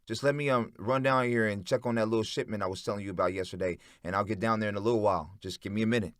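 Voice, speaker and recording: A man voicing an easygoing male rapper with casual, relaxed street talk in an audiobook. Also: lowish voice, racing, no room sound, clean studio sound, natural voice.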